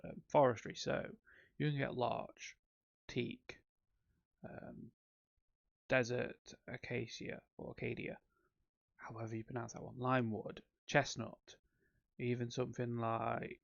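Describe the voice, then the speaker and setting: A man's voice: medium pitch, flat delivery, measured pace, creaky, pauses often, no echo, muffled recording. A man giving casual, rambling commentary on his own gameplay, with frequent ums and self-corrections. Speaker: let's play host.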